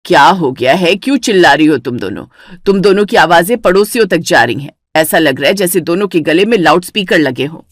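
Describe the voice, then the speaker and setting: A woman's voice: on the low side, expressive, fairly quick, no echo, clean studio sound, pitched below the performer's own voice. A woman voicing a stern, scolding older mother-in-law in a cartoon. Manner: scolding, commanding.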